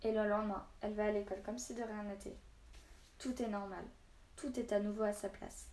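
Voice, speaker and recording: A woman reading a children's novel aloud, steady and expressive, voicing the dialogue. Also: medium pitch, brisk, roomy sound. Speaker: storyteller.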